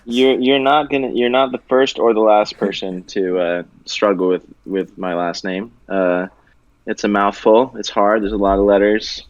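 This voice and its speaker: A low-voiced young man from Venezuela chats loosely as a guest artist, joking and swearing now and then. The audio is dull and dry, with no room around it. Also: moderate pace, no echo. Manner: laid-back, loose and joking, with casual swearing. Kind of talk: casual interview chat.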